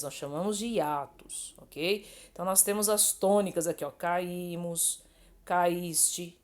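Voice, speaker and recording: A woman with a Brazilian Portuguese accent teaching grammar online, explaining patiently and peppering her talk with little check-in words. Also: mid-range voice. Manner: didactic, many fillers like "né" and "ó".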